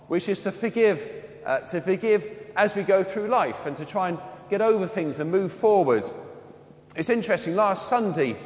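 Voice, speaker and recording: Chatty priest in an echoing church. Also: male voice, high-pitched. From Wembley, London. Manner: chatty, anecdotal, self-mocking humor. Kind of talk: sermon. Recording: echoey church with long reverb.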